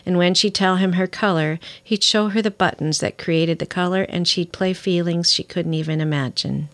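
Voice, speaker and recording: A middle-aged woman author in an interview, talking about her novel and reading a passage from it aloud at a measured pace. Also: lowish voice, steady tone.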